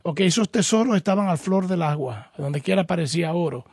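A male pastor on a call-in show explains scripture patiently through homely examples. His fairly high voice has a gravelly, husky edge, recorded close and dry. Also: expressive, a little fast, darkish tone, dry recording. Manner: addresses the caller formally as brother. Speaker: pastor hosting a call-in program. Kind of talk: radio call-in Bible questions and answers.

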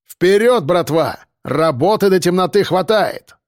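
A man's voice: high voice, lively intonation, a little slow, no room sound, studio quality, pitched above the performer's own voice. A man voicing a brutal male convict gang leader who barks crude slang threats, in an audiobook. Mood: gruff. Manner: coarse, barking slang threats.

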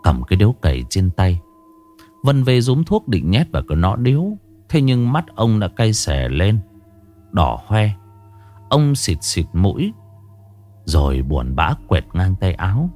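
A man narrating a scripted ghost story in a dramatic, expressive reading. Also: deep voice.

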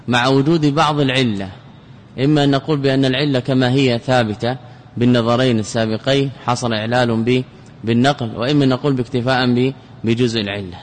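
A man teaches a classical grammar lesson in the measured manner of a sheikh, repeating key words and answering his own questions. His voice carries a long reverb, as if recorded in a large hall. A faint rumble sits underneath. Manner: repeats and restarts words while explaining.

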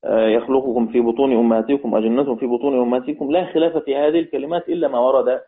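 A man with an Egyptian accent teaching Quran recitation rules, repeating key words slowly and quizzing his students. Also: medium pitch, steady tone. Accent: Egyptian Arabic. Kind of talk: explaining recitation rules in a lesson. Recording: tinny phone-like sound.

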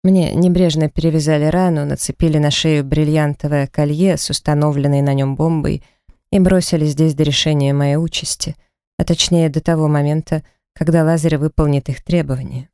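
A woman's voice: low voice, steady tone, a little fast, warm tone, smooth, no echo, clean studio sound. A woman narrating a first-person novel as an audiobook, reading dramatically and with emotion.

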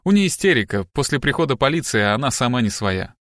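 A man voicing a distraught, sharp-tongued middle-aged wife and mother in an audiobook, with sharp, agitated outbursts. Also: mid-range voice, big pitch swings, fast, no echo, clean studio sound. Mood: fretful.

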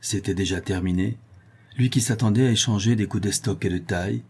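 A man reading a historical novel aloud in a steady, measured way. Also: on the low side, slightly rough. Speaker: audiobook narrator. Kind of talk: scripted narration of a historical novel.

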